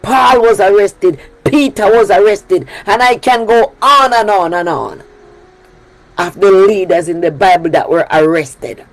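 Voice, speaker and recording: Leading a prayer broadcast, this Jamaican woman preaches with a Jamaican accent in an emphatic style, repeating her key phrases. Her voice sits in the mid range and moves a little slowly.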